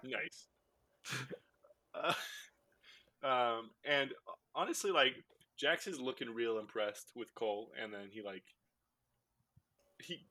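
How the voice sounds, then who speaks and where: A man's voice: medium pitch, bright, forceful tone. A man hosting a casual podcast, recapping a movie in a rambling way with lots of fillers and laughs. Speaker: podcast host.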